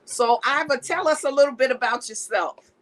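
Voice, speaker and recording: A woman's voice: high-pitched, moderate pace, rough recording. A woman hosting a faith-based TV talk show, introducing and interviewing a guest with effusive praise.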